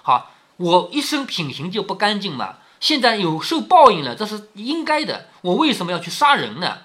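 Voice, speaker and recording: A man's voice: high voice, wildly swooping pitch, normal speed, bright, forceful tone. A man reading a classic novel aloud to his daughter, explaining each passage in chatty plain words and asking her questions as he goes. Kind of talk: storytelling with explanations.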